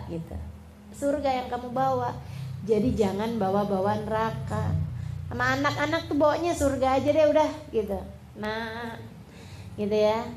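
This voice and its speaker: A woman preacher delivering a sermon in an easy, chatty storytelling manner, her voice sitting a little high. The sound carries a roomy echo. A faint background ambience is heard. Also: darkish tone, slight background noise. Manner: conversational storytelling, colloquial.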